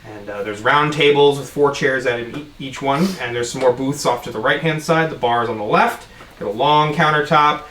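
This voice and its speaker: A game master narrating a tabletop game in a relaxed, halting way, with plenty of fillers. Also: mid-range voice. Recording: echoey room, mic at a distance, faint noise.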